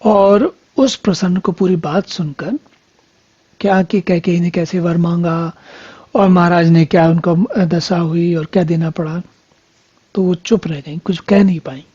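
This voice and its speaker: A scripture teacher who chants verses slowly and then explains each one in plain conversational talk. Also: mid-range voice, steady tone, dark tone, slightly rough. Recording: dull lo-fi recording.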